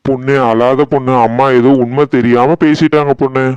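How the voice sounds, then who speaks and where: A man with a Tirunelveli Tamil accent voicing a gentle young husband in a cartoon, soothing his wife and standing firm with his mother. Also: mid-range voice, steady tone, brisk, clear, resonant tone, dry recording, dull audio, natural voice. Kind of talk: cartoon voice acting.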